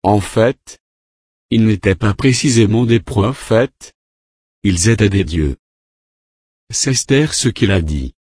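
A man preaches in a slow, deliberate cadence, reading verse after verse. His voice sits fairly low and the recording is dry and close, with no room around it. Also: no echo. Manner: slow, measured, repeats divine names in a steady cadence. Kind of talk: slow Bible-study sermon reading scripture.

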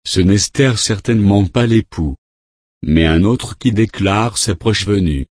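Low-voiced male preacher, dry sound. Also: unhurried, darkish tone, no room sound. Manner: teaching verse by verse, rhetorical questions. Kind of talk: sermon.

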